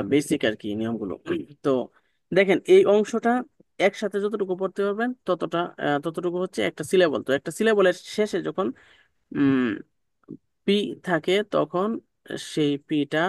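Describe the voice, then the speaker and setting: A man's voice: fairly high pitch, gravelly, dry recording, studio quality. A man teaching an online pronunciation class, patient, repeating sounds and checking that students follow. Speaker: English teacher.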